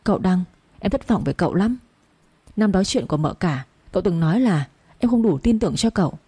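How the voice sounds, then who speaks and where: A woman's voice: mid-range voice, animated, brisk, mellow, breathy edge. Woman doing a wounded, reproachful young wife. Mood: bitter reproach. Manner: reproachful, pleading.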